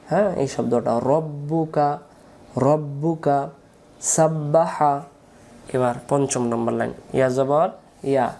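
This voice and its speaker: A man's voice: medium pitch, darkish tone. A man teaching Quran reading in a patient, repetitive syllable-by-syllable spelling drill. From Bangladesh.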